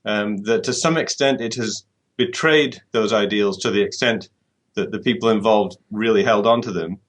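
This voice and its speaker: Speaking at a normal speed in a lowish, somewhat bright voice, a UK author answers interview questions in a conversational way. His manner is thoughtful, with restarts and repeated words while he reasons.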